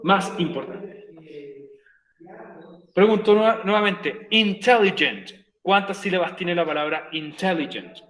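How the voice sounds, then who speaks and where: A Chilean male teacher guiding students through English grammar, repeating each word and question. His voice sits on the high side for a man. The room around him rings with a noticeable echo. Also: animated, measured pace, a bit bright. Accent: Chilean Spanish. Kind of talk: recorded virtual class, explaining grammar in Spanish.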